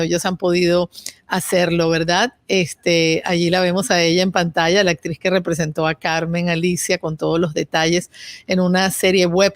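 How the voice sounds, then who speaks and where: A composed woman hosts a faith program, asking reflective questions and murmuring along as her guest speaks. Her voice sits on the low side for a woman, and the recording is dry with no room echo. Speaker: interview host. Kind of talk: interview host questions and program narration.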